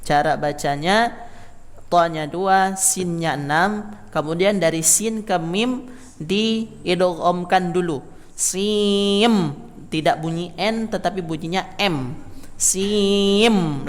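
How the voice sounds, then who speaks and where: A man's voice: a little high, in a large hall. A man teaching a Quran recitation class in a mosque, counting the group in and demonstrating how letters are read. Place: mosque hall. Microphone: microphone in a hall.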